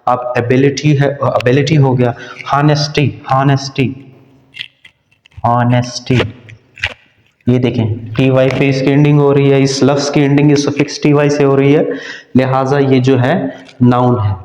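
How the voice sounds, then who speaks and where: A male teacher giving a grammar lecture, speaking slowly and repeating words, spelling them out letter by letter. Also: mid-range voice, flat delivery, a little mellow. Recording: dull echoey room recording.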